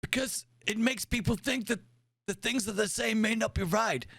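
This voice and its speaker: A man's voice: high voice, normal speed, vocal fry, a bit bright, breathy edge, no room sound, voice pushed up, exaggerated voice. A man voicing a grumpy old male starship admiral and doctor, with a put-on American accent and a cursing, cantankerous manner. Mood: stubborn.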